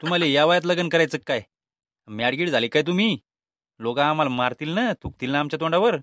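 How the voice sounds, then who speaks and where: A man's voice: fairly high pitch, expressive, fast talker, a bit bright. A man doing an exasperated village father. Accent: Vidarbha Marathi. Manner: pleading, exasperated. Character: exasperated middle-aged father, timid. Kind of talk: cartoon comedy voice acting.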